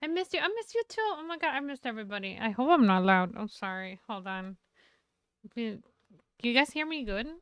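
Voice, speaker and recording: Excitable high-voiced bilingual woman streamer. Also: brisk, clear, resonant tone, no echo, studio quality. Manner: excitable, switches between English and Spanish, swears casually. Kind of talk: casual bilingual live-stream chat.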